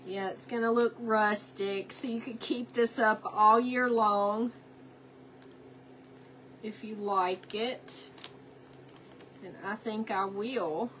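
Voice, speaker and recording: Stuffed up with a cold, this woman hosts a casual craft livestream, chattering to herself as she works and greeting viewers by name. She has a mid-range, slightly bright voice, and there's slight background noise.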